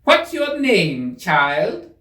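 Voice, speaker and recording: Shrill storybook queen, played by a man, imperious, impatient, furious, very high pitch, roomy echo. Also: wildly swooping pitch, very slow, bright, forceful tone, recorded from a distance, heavily acted. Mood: imperious, severe. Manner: severe, impatient, screaming commands. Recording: roomy echo, slightly off the mic.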